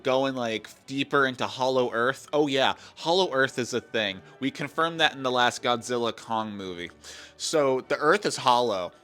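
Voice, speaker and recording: A man's voice: medium pitch, pushed and bright. A man giving a ranting movie review vlog, exasperated and sarcastic, with swearing.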